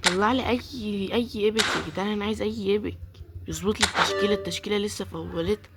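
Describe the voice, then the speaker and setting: Over a very noisy backdrop, a female gaming YouTuber with an Egyptian Arabic accent fires off live commentary, begging for better luck and complaining as every pack opens. Her mid-range voice stays steady while she talks rapidly.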